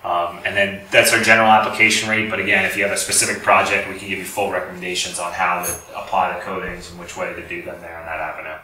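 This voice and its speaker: A man with a deep, sharp voice keeps a level tone and a quick pace, pausing little. He is a company representative lecturing informally on a technical topic to an audience in an indoor room. The roomy recording comes from a distant mic and carries faint background noise.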